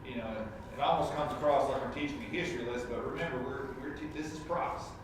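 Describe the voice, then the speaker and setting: A man with a medium-pitched voice talks fast while teaching a casual Sunday school Bible lesson in a church classroom, rambling with lots of fillers and restarts. The recording is noisy and echoey, picked up by a distant mic.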